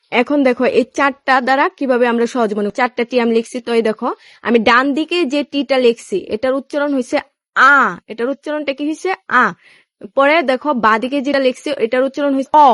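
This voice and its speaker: A woman's voice: fairly high pitch, no room sound. Patient Bangladeshi woman tutor, dry close sound. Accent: Bangladeshi Bengali. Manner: patient, repeats questions and answers them herself. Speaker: Korean language tutor. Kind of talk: casual spoken lesson.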